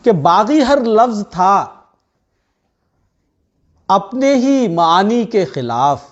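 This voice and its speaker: High-pitched man declaiming Urdu poetry. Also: sing-song, muffled recording. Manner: declamatory, repeats lines with deliberate phrasing. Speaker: poet reciting at a gathering. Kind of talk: Urdu ghazal recitation, couplets repeated for listeners.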